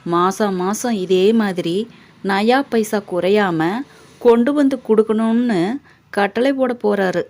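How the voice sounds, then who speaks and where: Scolding mother in a storybook reading, teasing tone, slow , read by a woman. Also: mid-range voice, darkish tone. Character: scolding mother of a grown son.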